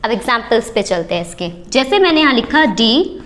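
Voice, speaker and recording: A woman's voice: on the high side, big pitch swings, a little fast, fairly bright tone. A woman teaching an English lesson at a board, spelling out letters one at a time and asking questions she then answers herself. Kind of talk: whiteboard lesson.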